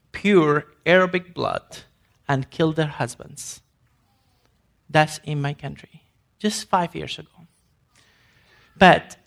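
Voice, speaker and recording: A man's voice: fairly high pitch, vocal fry, a bit bright. A man from Sudan giving an emphatic ministry presentation to an audience, with grammar and frequent restarts. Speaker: ministry speaker.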